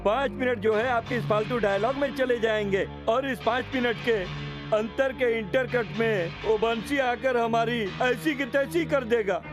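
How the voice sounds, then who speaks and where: An actor dubbing the foolish son of a villain in a film, who talks back cheekily and mockingly. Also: male voice, very high voice, moderate pace. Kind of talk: Hindi film dub. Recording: movie soundtrack music behind voice.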